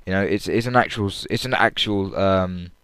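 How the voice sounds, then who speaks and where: Recapping a comedy show he attended, a man rambles through an anecdote in a casual solo audio log, loudly acting out quoted lines. His low voice is clear and resonant, at a moderate pace, in a dry recording.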